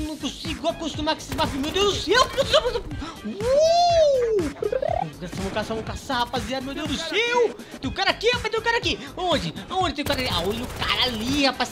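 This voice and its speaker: A man giving excitable gameplay commentary, exclaiming constantly as he plays. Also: extremely high pitch. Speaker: gaming channel host.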